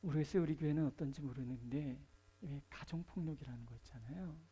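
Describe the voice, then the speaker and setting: A middle-aged woman pastor preaching a sermon in a colloquial, storytelling way, swinging from loud emphatic lines to near-whispered asides. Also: low voice, fast, husky.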